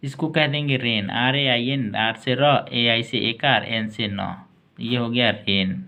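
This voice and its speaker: A man's voice: mid-range voice, steady tone, takes it slowly, lo-fi sound. A man hosting a beginner English lesson. He spells each word out letter by letter and drags out the words he wants learners to catch. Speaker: English teacher and channel host.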